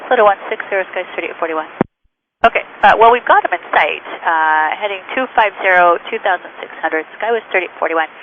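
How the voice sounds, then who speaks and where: High-voiced pilot over the radio. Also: male voice, fairly quick. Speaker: airline pilot. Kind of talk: brisk radio calls with fillers. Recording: tinny noisy radio channel.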